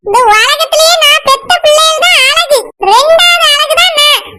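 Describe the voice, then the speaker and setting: A woman's voice: extremely high pitch, moderate pace, heavy background noise, pitched above the performer's own voice. A woman doing a boastful doting village mom. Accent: Kanyakumari Tamil. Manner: proud, sing-song, teasing. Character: doting middle-aged village mother, boastful. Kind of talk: cartoon voice acting.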